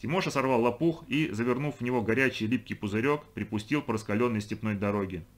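A man reading a storybook aloud as narrator, expressive, lifting his voice for the children's lines. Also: mid-range voice, fast. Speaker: audiobook reader. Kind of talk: scripted narration.

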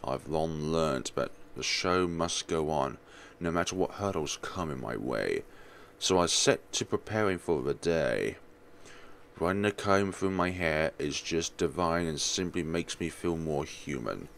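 A man's voice: extremely low pitch, unhurried, creaky, a bit bright, a little hiss or hum, heavily acted. A man voicing a fussy, vain, sardonic rich man from a visual novel in a theatrical, pompous grumble. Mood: wry, self-pitying.

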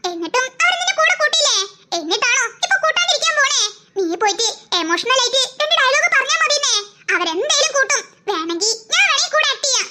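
A woman's voice: very high voice, very noisy. A woman voicing a bossy, scheming schoolgirl ringleader who talks smugly with giggles in a cartoon. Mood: coaxing. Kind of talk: cartoon voice acting.

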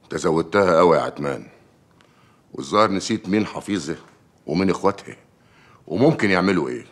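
Hot-headed village strongman, low voice, super fast, blunt threats. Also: lively intonation. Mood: threatening. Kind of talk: TV drama acting.

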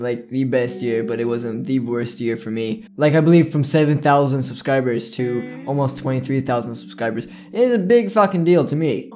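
A young adult gaming YouTuber chats casually to the camera, rambling and often repeating himself, in a mellow, mid-range voice. He films in a small indoor room with a plain backdrop.

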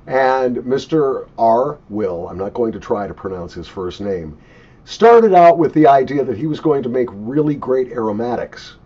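An older man talks through a casual review with lots of swing in his pitch. His voice is husky and emphatic, and he sounds opinionated. The recording is a dull webcam capture from a home office desk. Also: lively intonation, moderate pace, dark tone. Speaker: pipe tobacco reviewer. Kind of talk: casual unscripted product review. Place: small cluttered home office, indoors.

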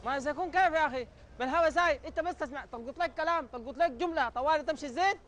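A man's voice: extremely high pitch, a bit bright, a little hiss or hum. A man with a Sudanese accent playing an argumentative customer in a comedy sketch, lecturing a shopkeeper about prices. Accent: Sudanese Arabic. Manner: argumentative, lecturing, rapid insistent. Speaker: comic actor playing a customer.

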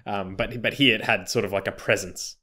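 A man's voice: on the low side, fairly even intonation, brisk, bright, forceful tone. A man co-hosting a podcast in laid-back, jokey casual chat. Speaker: podcast co-host.

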